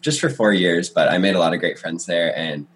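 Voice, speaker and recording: A young man who grew up in Canada, a drummer chatting as a guest in an interview, relaxed and hesitant with many ums. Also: sits low, a little fast, slight background noise. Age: young adult. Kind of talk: casual interview chat.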